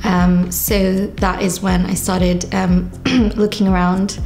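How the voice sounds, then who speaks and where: A young woman shares her faith story in a soft, lower, gravelly voice. She speaks in a reflective, unhurried way, pausing often. Her delivery stays fairly even in pitch, with faint music underneath. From Kenya. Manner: reflective, unhurried, with frequent pauses. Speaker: church member giving testimony. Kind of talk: personal testimony.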